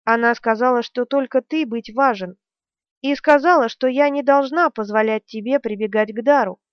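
A woman's voice: on the high side, moderate pace, dry recording, close to an everyday voice. A woman voicing a crazed, whimpering sorceress who pleads in broken grammar, in an audiobook reading. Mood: pleading. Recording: dry, dull lo-fi recording.

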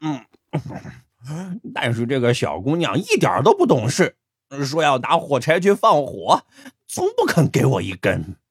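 A huge mole creature that mumbles with its mouth full, childish but menacing, voice swooping way up and down, a bit husky and dry, as an audiobook narrator puts him on. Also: male voice, mid-range voice, wildly swooping pitch, measured pace, dry recording, voice pushed up, exaggerated voice. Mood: mumbling. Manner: mumbling, playful, then sly. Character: big childlike male mole, greedy and dangerous. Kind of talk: audiobook character voice.

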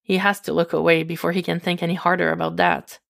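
Gravelly woman narrating a podfic. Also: lowish voice, level tone, fast, fairly bright tone. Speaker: podfic reader. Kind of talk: scripted narration.

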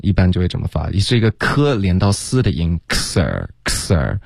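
A radio studio lesson features a man whose fairly low voice carries a darkish tone. He patiently explains pronunciation and slowly elongates words to model them, all recorded close and dry with no echo or sense of a room.

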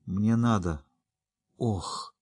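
A man's voice: fairly low pitch, drawn-out words, darkish tone, breathy edge, no echo, clean studio sound, heavily acted. Man reading a faint, feverish sorceress. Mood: feverish weak. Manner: faint, moaning. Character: feverish weak sorceress, woman.

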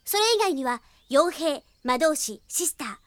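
Est, a very high-pitched perky girl knight. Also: expressive, a little slow, no echo. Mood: cheerfully businesslike. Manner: chirpy, teasing, playfully theatrical. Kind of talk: Japanese radio drama acting. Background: music.

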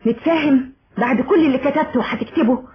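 A woman plays a fragile, desperate woman with an Egyptian accent who pleads in a rather high voice and very rapid words. The old radio recording sounds dull, with faint hiss behind her. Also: natural voice. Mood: pleading. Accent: Egyptian Arabic. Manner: pleading, distressed. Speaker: actress in a radio drama. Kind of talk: 1970s Egyptian radio drama acting.

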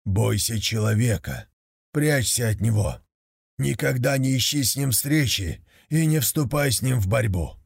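A grave, dying old tiger , as a man puts him on speaks in a slow, gravelly storybook voice. Every word is weighed and drawn out. The sound is close and dry. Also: medium pitch, animated, dry recording, heavily acted. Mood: solemn. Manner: slow, solemn instructing.

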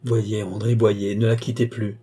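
A man's voice: flat delivery, a little slow, dark tone, husky. A man voicing a commanding mesmerist who urgently orders an entranced woman to follow someone, in an audiobook reading. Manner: urgent commands, lower and intense.

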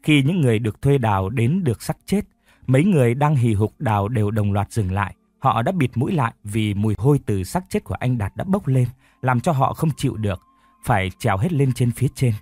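A man narrating a sad story in the first person in a sorrowful, steady way. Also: mid-range voice, a little fast, no echo, soft background music. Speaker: audiobook narrator.

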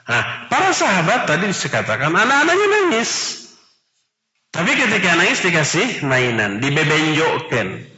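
A man teaching a Ramadan study lecture in Indonesian with a Sundanese accent, lively and expressive, sometimes mimicking children. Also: normal speed. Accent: Sundanese-tinged Indonesian. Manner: animated, acts out children's voices with high pitch jumps. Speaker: Islamic religious teacher. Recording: echoey hall, muffled audio.

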